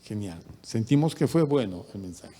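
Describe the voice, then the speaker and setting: A man preaching a midweek sermon as pastor, swinging from loud bursts down to quiet asides. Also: on the low side, normal speed, big-room sound. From Peru. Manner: animated preaching, rising loud bursts and dropping to near-mutters. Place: church hall.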